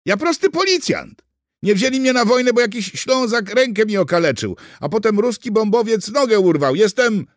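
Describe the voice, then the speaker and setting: A terrified, broken German policeman squeals his innocence in a thin, high, panicky voice, put on by a male audiobook reader. The pitch leaps up and down, and the recording is dry and close. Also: animated, normal speed, dry recording. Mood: frightened pleading. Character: frightened one-armed one-legged German policeman.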